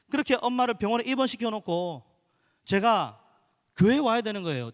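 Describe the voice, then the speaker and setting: A male pastor, telling a personal story in an earnest sermon to his congregation in a church sanctuary. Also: high voice. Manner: earnest, animated storytelling, addresses the congregation directly. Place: church sanctuary during a midweek service. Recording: reverberant church hall.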